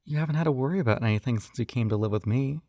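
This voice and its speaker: Talking very fast in a warm, mid-range voice, a male roleplay performer plays a doting, possessive yandere captor and hypnotist in an intimate scripted piece. He coaxes with slight condescension and frequent sighs, recorded dry at studio quality.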